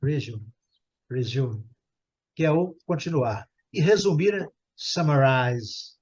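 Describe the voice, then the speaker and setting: A middle-aged Brazilian man with a Brazilian Portuguese accent, teaching a group English lesson and repeating English words slowly for his students. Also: medium pitch, lively intonation, darkish tone, breathy edge, muffled recording.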